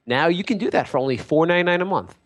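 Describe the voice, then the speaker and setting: A man voicing a pompous self-styled male lord and sports insider in an improvised comedy bit, rambling through a grandiose sales pitch. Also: animated, racing, close to an everyday voice.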